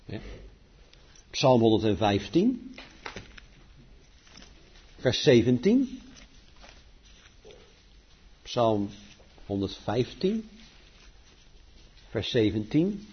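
A man preaching a sermon, declaiming scripture loudly and then dropping to quiet asides. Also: medium pitch, big pitch swings, very slow, pauses often, breathy edge. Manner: emphatic, swings between loud declaiming and quiet asides. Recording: dull lo-fi recording.

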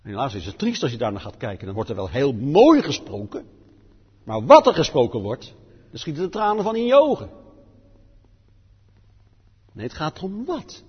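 A man preaching a sermon in a church, fervent, swinging between loud emphatic declarations and low quiet passages. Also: huge pitch swings, brisk, husky. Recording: dull lo-fi sound with long church reverb.

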